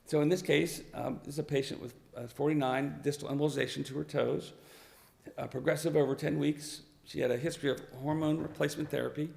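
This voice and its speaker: Raspy, gravelly man giving a medical lecture. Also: on the high side, fairly even intonation, a little mellow. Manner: halting, with many fillers and restarts. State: hoarse, clearing his throat. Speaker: vascular physician presenting at a conference.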